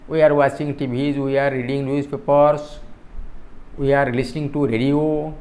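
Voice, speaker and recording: A male teacher with an Odia accent explaining a poem in a classroom lecture. He talks slowly and on purpose, repeats key words, and moves between English and Odia. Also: medium pitch, flat delivery, a little mellow.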